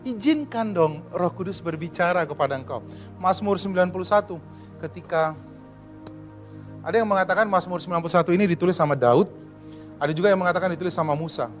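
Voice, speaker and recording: A man, a pastor giving a lively sermon in church and asking the congregation questions. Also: high-pitched, fast, faint music behind. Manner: lively preaching, asks the congregation questions, mixes in English.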